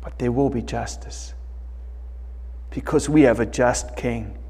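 A middle-aged man preaching a sermon as pastor from a lectern in a church sanctuary, slow and emphatic, rising loud and dropping soft. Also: mid-range voice, breathy edge, big-room sound. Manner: slow, emphatic preaching with wide swings in loudness.

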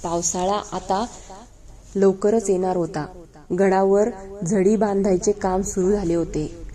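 Woman narrator with a Marathi accent for a historical audiobook: slow, deliberate, mellow and warm in tone. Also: medium pitch, steady tone. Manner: slow, measured reading that voices rustic guards and villagers in dialogue. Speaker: narrator reading a historical novel aloud. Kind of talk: dramatic book reading.

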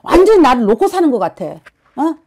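A woman's voice: sits high, sing-song, brisk. A woman fortune teller giving blunt counsel, scolding and prodding her client with constant questions. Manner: forceful, scolding, keeps prodding with "어?".

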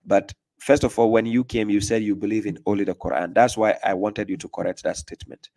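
A man's voice: on the low side, steady tone, fairly quick, a little mellow. Insistent man hosting a call-in stream. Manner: pressing, questioning, repeats himself. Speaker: livestream host. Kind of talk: live call-in debate. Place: small room indoors.

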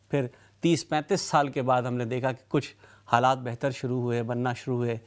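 A man, hosting a TV talk show and opening it with a measured, reflective studio monologue. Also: mid-range voice. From Karachi, Pakistan. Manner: measured, reflective storytelling with rhetorical lists. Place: TV studio with city backdrop, indoors.

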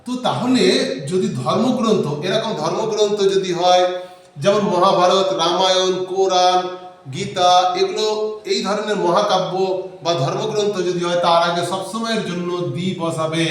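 A man teaching English grammar to a class, asking questions and answering them himself and slowing down to read example sentences. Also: high voice. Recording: very echoey room, voice from a distance.

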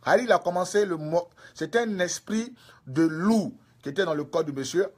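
Husky Ivorian preacher man. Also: high voice, normal speed. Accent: Ivorian French. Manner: repetitive, many tag questions. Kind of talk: sermon.

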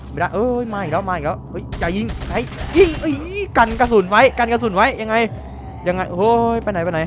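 Excitable high-voiced male gamer. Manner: excitable, exclaims and repeats words. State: just woke up, a little drowsy. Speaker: gameplay commentator. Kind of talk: live gameplay commentary.

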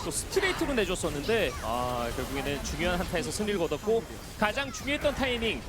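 A man doing live play-by-play as an esports caster, excitedly calling each action as it happens. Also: high-pitched, fast, noisy background.

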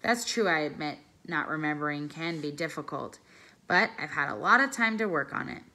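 Low, bright-voiced woman reading a story. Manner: calm, careful storytelling, pausing over phrases. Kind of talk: reading a children's novel aloud.

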